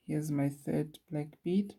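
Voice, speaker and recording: A woman talks viewers through a beading pattern step by step. Her voice sits fairly low and she takes her time, chatty and quick to laugh at her own slips. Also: vocal fry, mellow, breathy edge. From Eswatini. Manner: slow, chatty, laughs at herself. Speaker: beading tutorial host. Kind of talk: casual craft tutorial.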